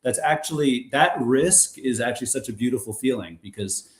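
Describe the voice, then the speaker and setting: An American man who once owned a bar in Korea is interviewed as a guest, telling animated stories in a rambling, casual way with frequent restarts. He has a mid-range voice at a normal speed, and the sound is reverberant.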